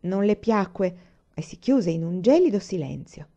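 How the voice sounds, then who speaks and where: A woman from Italy reading a novel aloud in calm, scripted audiobook narration. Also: fairly low pitch, normal speed, highs cut off. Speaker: audiobook reader.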